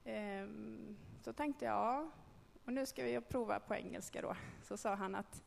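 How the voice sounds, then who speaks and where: Woman sharing a personal testimony to a group, conversational and halting, gravelly tone, recorded in a reverberant hall. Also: medium pitch, slight background noise. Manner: candid, conversational storytelling with hesitations. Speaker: speaker telling a personal faith story.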